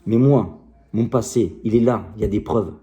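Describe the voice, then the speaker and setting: Middle-aged male coach, deep warm timbre, combative and passionate, talks straight to camera. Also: moderate pace. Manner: combative, heated, passionate, crude. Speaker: martial arts coach. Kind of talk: direct-to-camera rant.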